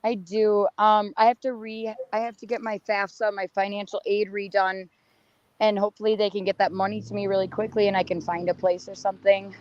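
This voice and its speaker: A young adult woman chatting casually as a caller, her voice hoarse and raspy as if she is losing it. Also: mid-range voice, little pitch movement, a little fast, darkish tone. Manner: raspy, strained talk. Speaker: caller, college student. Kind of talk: casual chat. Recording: dull lo-fi online audio.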